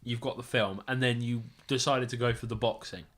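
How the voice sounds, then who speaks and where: A man's voice: medium pitch, fairly even intonation, fairly quick, fairly bright tone. A young man hosting a casual podcast, joking and teasing his guests. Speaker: podcast host. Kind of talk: casual chat.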